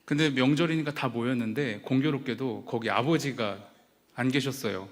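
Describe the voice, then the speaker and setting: A man's voice: medium pitch, normal speed. Korean pastor guy, 40s, earnest storytelling, normal mid voice. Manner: earnest, storytelling, acts out family dialogue. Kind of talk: prayer then personal testimony talk.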